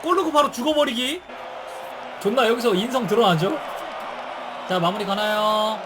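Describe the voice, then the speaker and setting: A man giving excited live commentary on a football video game, with shouted bursts at big plays and casual slang. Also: high-pitched. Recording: stream with game music and crowd noise.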